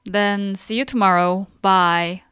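Slow, clear-voiced woman teaching on a podcast. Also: medium pitch, fairly even intonation, a bit bright. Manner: simple explanations addressed directly to learners. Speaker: host of a Korean lesson podcast. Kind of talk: instructional podcast narration.

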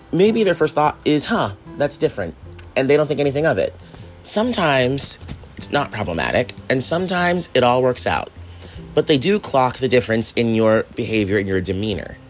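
A man hosting a casual, reflective monologue, rambling a little and dropping self-deprecating asides and the odd swear word. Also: mid-range voice. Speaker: podcast host.

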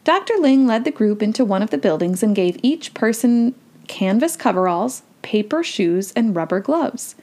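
A woman's voice: fairly high pitch, expressive, moderate pace, dark tone. A woman reading a children's storybook aloud, with chatty, playful asides. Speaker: children's book reader.

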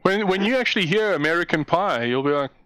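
With crowd noise in the background, a South African man speaks quickly in a high voice as a comedian guest in casual conversation. He's an animated storyteller who keeps breaking into mock voices and laughing.

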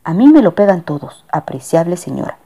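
A grumbling, hypochondriac gentleman on a train, forever indignant and complaining. A woman puts him on with a lively, animated delivery. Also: fairly low pitch, brisk, slightly rough, full character voice. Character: grumpy hypochondriac businessman, older male.

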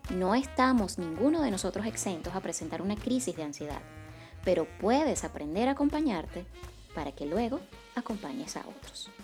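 A woman hosting a wellness podcast as a psychocorporal facilitator, reading a scripted monologue in a calm, measured, soft-spoken way. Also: mid-range voice, soft background music.

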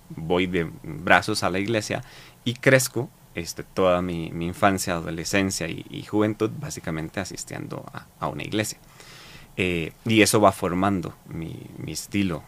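A man with a Costa Rican accent answering interview questions in a reflective, halting way, with many fillers and repeated words. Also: low voice, a bit bright. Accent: Costa Rican Spanish. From Costa Rica. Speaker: interview guest.

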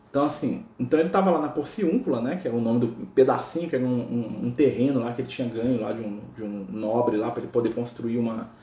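A man's voice: mid-range voice, darkish tone, reverberant. A man telling a spiritual story as a lecture, chatty and conversational, constantly checking in with his listeners. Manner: conversational, peppered with tag questions.

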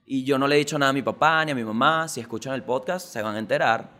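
A young Venezuelan man hosting a podcast, telling stories in a slangy comic monologue that swings between loud bursts and low mutters. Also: fast. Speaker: podcast host, stand-up comedian.

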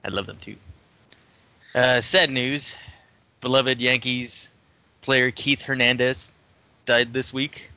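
A man co-hosting a casual podcast, reading out a listener list and joking with deadpan delivery. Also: mid-range voice, takes it slowly, long pauses, dry recording. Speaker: podcast co-host. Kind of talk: casual chat. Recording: dry, dull lo-fi audio.

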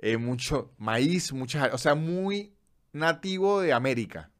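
Un hombre venezolano con acento venezolano, presentador de podcast, contando datos en charla informal y pausada a ratos. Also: male voice, a little high, lively intonation. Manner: chatty storyteller, slows down to list facts. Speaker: podcast host. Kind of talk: casual chat.

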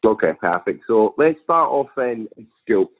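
A man's voice: lowish voice, lively intonation, unhurried. A thirty-year-old man with a broad Scottish accent from Glasgow, talking conversationally as a podcast guest. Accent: broad Glaswegian Scottish. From Glasgow, Scotland. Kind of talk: conversational interview, telling own story. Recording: thin, phone-like remote call audio.

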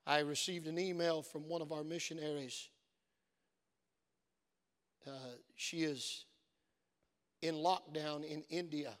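A man preaches as pastor slowly, with long pauses, in a rather high, slightly bright voice with fairly even intonation. Worn from many phone calls, his voice carries earnest stories that build to fervent exhortation. Long church-hall reverb colors the recording.

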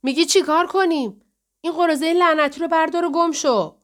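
A woman voicing a young woman with amnesia in an audiobook, her voice lifted a little higher for the dialogue. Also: lively intonation, lightly acted. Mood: angry shouting. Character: young woman with amnesia, uneasy, quick-tempered.

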